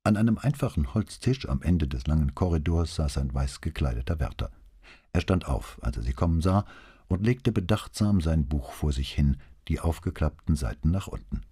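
A man narrating an audiobook in an even, measured way. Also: extremely low pitch, breathy edge. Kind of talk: audiobook reading.

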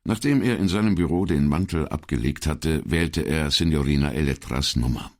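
A man narrating an audiobook in a measured, expressive reading. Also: extremely low pitch. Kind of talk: scripted narration.

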